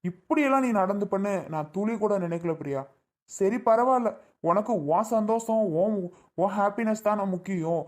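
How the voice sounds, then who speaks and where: A man's voice: sits high, normal speed, darkish tone, lightly acted. A man playing an angry husband who scolds and reproaches his wife in a family drama skit.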